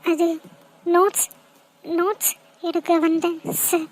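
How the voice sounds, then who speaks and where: A woman's voice: very high voice, little pitch movement, takes it slowly, darkish tone. A woman voicing a timid young college girl who speaks hesitantly in a cartoon. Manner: hesitant, flustered. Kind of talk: cartoon voice acting.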